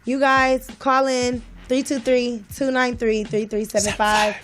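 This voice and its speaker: Skeptical woman co-host, higher voice. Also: level tone, a little slow, music in the background. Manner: skeptical, laughs easily. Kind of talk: casual hip hop talk show banter.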